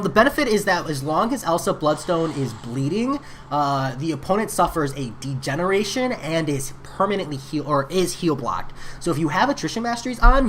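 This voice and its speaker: Playing a mobile game on stream, a man talks casually and replies to viewers in chat. His voice is on the high side and a bit bright, though it's getting worn, with slight background noise.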